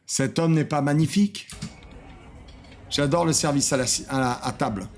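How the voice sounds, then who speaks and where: Guy doing reaction commentary, kinda high voice with gravel in it, sarcastic, mumbles off at the end of lines. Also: moderate pace, faint music behind. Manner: sarcastic, self-mocking, trails off into quiet muttered asides. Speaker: host reacting to cooking videos.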